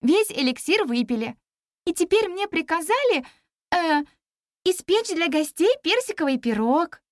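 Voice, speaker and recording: A woman voicing a bold, quick-witted young girl heroine in a storybook reading, with a high, bossy, lively voice. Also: no echo, studio quality, exaggerated voice.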